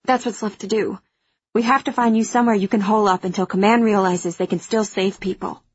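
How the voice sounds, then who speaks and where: An actress plays a fierce young female hacker on a spaceship, protective and firm. Her voice is husky, urgent and reassuring. The audiobook drama is recorded very dry, with a slightly dull tone. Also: medium pitch, fairly even intonation, a little fast, no room sound, lightly acted.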